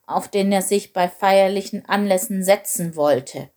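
A woman voicing a gentle, wise old female elephant who tells stories in a storybook reading, calm and measured. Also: medium pitch, close to an everyday voice. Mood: telling.

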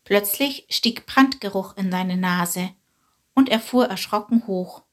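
A woman calmly narrating a children's storybook. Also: mid-range voice, slow pace.

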